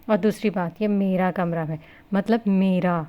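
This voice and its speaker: A woman's voice: mid-range voice, steady tone, dull audio, close to an everyday voice. Cold bossy young husband, woman reading him out, snappy and scolding. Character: blunt young husband, sharp-tongued and cold. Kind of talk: novel reading with character voices.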